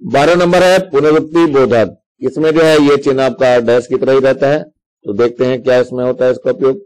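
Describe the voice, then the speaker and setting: A man's voice: mid-range voice, fairly even intonation, a little fast, darkish tone, low-quality recording. Hindi-speaking male teacher, patient explainer. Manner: explains patiently, reads examples out step by step. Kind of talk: explaining grammar to schoolchildren.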